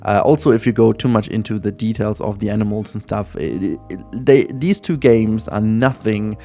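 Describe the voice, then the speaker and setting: Speaking at a moderate pace in a low, dark-toned voice, a German-accented gaming host whose first language is German offers casual, rambling commentary full of ums. Music can be faintly heard behind him.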